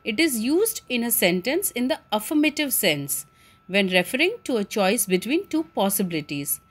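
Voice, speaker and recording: A woman with an Indian English accent teaching a school grammar lesson. Her voice sits a little high and swings widely in pitch as she explains step by step. She keeps asking questions and answering them herself. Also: big pitch swings, normal speed.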